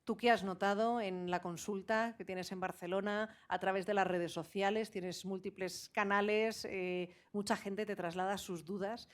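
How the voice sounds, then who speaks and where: A woman's voice: medium pitch, steady tone, normal speed, few pauses. Attentive woman interviewer. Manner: attentive, frequent backchannel murmurs. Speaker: interviewer host. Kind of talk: interview questions.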